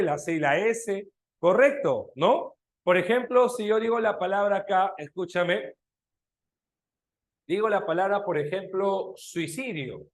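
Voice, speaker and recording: Male teacher, high lively voice, keeps quizzing students; echoey room. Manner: lively, questioning students often, animated. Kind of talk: online exam-prep language class.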